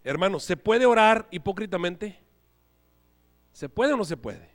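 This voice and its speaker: Lively preacher, church reverb. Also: male voice, sits high, unhurried. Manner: animated preaching with acted-out voices and asides. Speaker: pastor. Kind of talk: sermon. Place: church hall. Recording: live church hall reverb.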